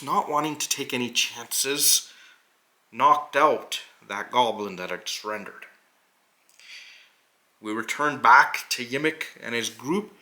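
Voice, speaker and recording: A man voicing a noble, earnest hobgoblin adventurer who recounts a tabletop quest with deliberate, halting phrasing and dramatic pauses. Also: fairly high pitch, bright, forceful tone, full character voice. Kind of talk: in-character narration of a tabletop adventure.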